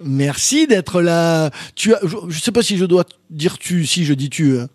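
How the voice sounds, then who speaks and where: A man's voice: a little high, lively intonation, measured pace, no echo, studio quality. A man with a Toulouse accent hosting a live radio show, chatting casually with lots of fillers and restarts. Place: radio studio.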